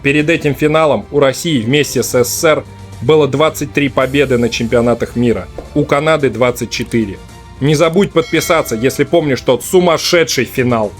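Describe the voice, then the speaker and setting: A man's voice: mid-range voice, a little fast. A man hosting and narrating a scripted hockey match recap for a video channel. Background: music.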